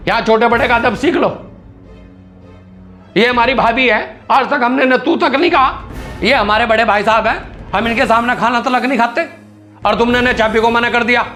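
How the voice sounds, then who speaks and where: A man's voice: extremely high pitch, normal speed, bright, forceful tone, faint music behind. An actor playing a young husband who sternly lectures his wife to respect his elder brother, in a scripted family comedy scene. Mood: scolding. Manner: scolding, lecturing, insistent.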